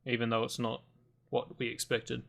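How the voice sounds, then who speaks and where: A man's voice: medium pitch, monotone, moderate pace, vocal fry, a crowd in the background. A man chatting casually as a podcast co-host with a dry, joking manner. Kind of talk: casual chat.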